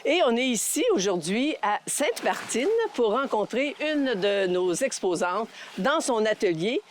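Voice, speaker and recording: A woman's voice: mid-range voice, lively intonation, unhurried. Female host, welcoming presenter read, mid-range voice, light background noise. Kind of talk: on-location interview intro.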